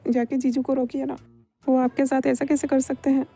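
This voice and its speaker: A woman's voice: high voice, flat delivery, a little fast, creaky, mellow, soft background music. A woman voicing an anxious, jealous young husband in a Hindi fan dub, talking in a pleading, questioning way. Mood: fretful.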